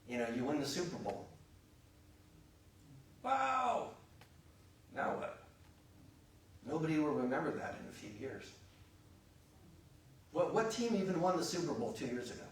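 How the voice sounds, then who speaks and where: A man's voice: medium pitch, lively intonation, a little fast, a little hiss or hum. A man preaching a conversational sermon in a chapel. He talks animatedly and acts out the voices of the people in his examples. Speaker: pastor. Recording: echoey room, mic from a distance.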